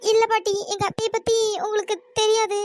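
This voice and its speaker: A woman's voice: very high-pitched, completely flat delivery, fairly quick, darkish tone, no echo. A woman voicing a timid young woman in a cartoon story who pleads and apologizes fearfully.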